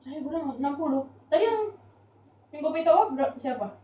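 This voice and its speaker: A young Indonesian woman helping a live seller, checking transfers out loud. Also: sits high, lively intonation, a little fast, far from the mic, muffled recording, a little hiss or hum. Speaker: seller's helper. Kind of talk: casual chat. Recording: echoey room, off-mic.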